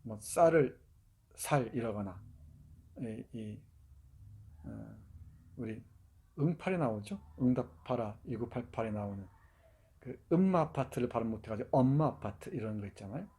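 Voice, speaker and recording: A man's voice: mid-range voice, lively intonation, moderate pace, pauses often, dark tone, breathy edge. A man giving a university literature lecture, explaining and demonstrating dialect pronunciations, with frequent fillers and restarts.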